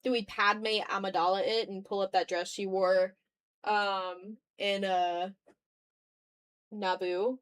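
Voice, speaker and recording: Her voice is medium in pitch, clear and resonant with a fairly bright tone, and she speaks slowly with little pitch movement. As a digital artist livestreaming her drawing, she chats casually and playfully in slang, half to herself, half to viewers.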